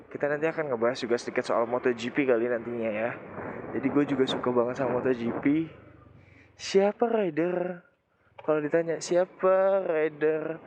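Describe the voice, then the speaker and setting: Chatty lisping Jakarta man, muffled and noisy. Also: mid-range voice. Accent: Jakarta Indonesian. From Indonesia. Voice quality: lisped r (cadel), cannot roll the r sound. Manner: chatty, slangy. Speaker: motovlogger. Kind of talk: casual rambling chat to viewers. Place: riding a motorbike outdoors. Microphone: cut-off earphone mic inside helmet. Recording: muffled earphone mic, loud vehicle and wind noise.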